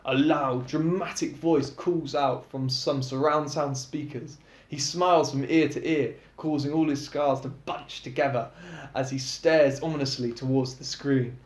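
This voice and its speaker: A man's voice: medium pitch, fairly even intonation, a little slow. A young man reading his own book aloud, narrating in a casual, chatty way with asides to listeners. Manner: casual, chatty, laughs between chapters. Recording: echoey room.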